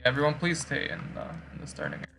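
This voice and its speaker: A man's voice: mid-range voice, very animated, rapid-fire, pushed and bright, faint music behind. A man hosting an online gaming event, chatting casually and giving players instructions. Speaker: community game event host. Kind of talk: casual game event chat and organizing. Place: online voice chat during a game.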